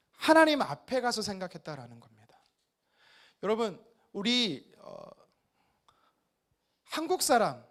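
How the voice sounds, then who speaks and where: A male pastor preaching a sermon at a church service, emphatic and often putting questions to the congregation. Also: high voice.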